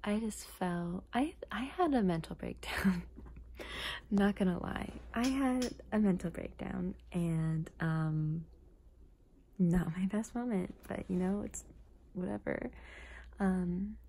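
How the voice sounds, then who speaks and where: Soft-spoken, mellow ASMR woman with vocal fry. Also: medium pitch, slow. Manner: hushed, often dropping into a whisper. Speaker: ASMR content creator. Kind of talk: soft-spoken ASMR, casual personal talk.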